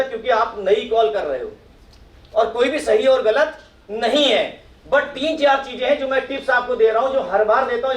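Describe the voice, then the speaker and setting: A middle-aged man giving a talk to an audience, asking them questions and acting out their replies. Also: extremely high pitch. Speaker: speaker at a professional meet. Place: meeting hall with audience. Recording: echoey hall, mic from far off.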